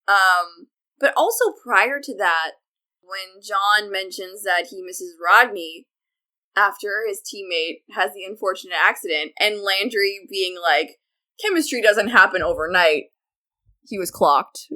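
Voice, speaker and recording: Woman cohost gushing about tv, bright forceful voice, lots of "like"s. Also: mid-range voice, a little slow. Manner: gushing, filler-heavy. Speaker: podcast co-host. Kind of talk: casual fan chat.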